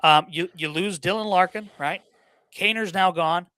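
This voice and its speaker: Man, podcast guest, opinionated sports chat, bright voice, dry close sound. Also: sits high, normal speed, smooth, no room sound. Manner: opinionated, repeats words, many fillers. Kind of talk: casual sports talk.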